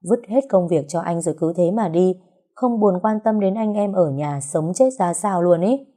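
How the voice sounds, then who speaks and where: A woman's voice: fairly low pitch, animated, moderate pace, dark tone. A woman voicing a talkative young man who jokes and complains playfully, in a storybook reading. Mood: teasing. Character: joking talkative young man, teasing friend.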